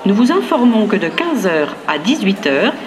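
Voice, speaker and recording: A woman making clear, formal announcements over a PA system, as in a recorded language lesson. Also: mid-range voice, big pitch swings, moderate pace, echoey room, a faint crowd. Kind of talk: scripted public announcements.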